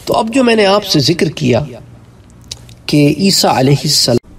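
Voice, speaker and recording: A man giving a religious lecture in earnest, emphatic preaching style, with a Pakistani Urdu accent, rising in pitch when he stresses a point. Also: very animated, recorded from a distance. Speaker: Islamic preacher.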